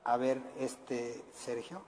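Drawing out his words in a medium-pitched, slightly mellow voice, a middle-aged man with a Mexican accent preaches sincerely to parents, with many fillers along the way. The room adds a long reverb tail.

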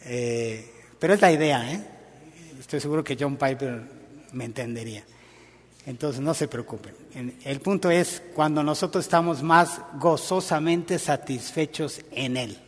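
A man's voice: medium pitch, unhurried, in a large hall. A man preaching a sermon in a conversational, storytelling way.

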